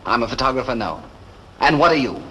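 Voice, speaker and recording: A man's voice: medium pitch, very animated, a little fast, bright, forceful tone. An actor in a 1930s film comedy playing a male office boss, clipped and dryly ironic. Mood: brisk, suspicious. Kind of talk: 1930s Hollywood comedy acting. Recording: noisy old 1930s film soundtrack.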